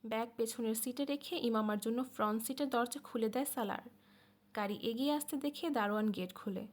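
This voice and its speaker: A woman narrating an audiobook novel in a steady storytelling manner. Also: fairly high pitch, fairly quick. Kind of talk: scripted narration.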